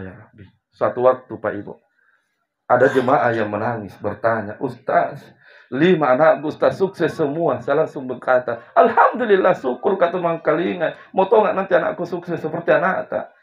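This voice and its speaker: A man, preaching a lively sermon to a congregation, telling stories and swinging from hushed to loud. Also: mid-range voice, normal speed, lo-fi sound. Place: mosque gathering with audience.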